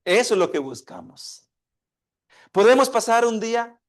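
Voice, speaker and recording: A man's voice: very high voice, big pitch swings, measured pace. A man preaching a sermon, asking his congregation questions and acting out a dialogue between a father and his child. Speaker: pastor.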